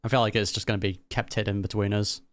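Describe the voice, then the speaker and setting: A young man, a gaming reaction creator, gives casual live commentary over a game and talks back to the characters. His voice is on the low side, his delivery is flat, and he talks fast. There's no room sound.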